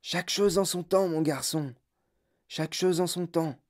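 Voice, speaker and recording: An old, frail grandfather in a storybook reading, hushed but bubbling with eagerness, put on by the reader. The voice sits higher than the narration and leans in close. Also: moderate pace, close to an everyday voice. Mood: eager hushed. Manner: hushed, eager, raised pitch. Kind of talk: audiobook reading.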